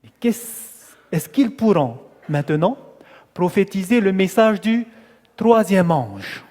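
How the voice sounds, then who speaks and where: A man's voice: sits high, sing-song, slow, darkish tone, big-room sound. A man preaching a sermon, putting questions to his listeners and stressing key words as he answers them. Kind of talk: sermon teaching.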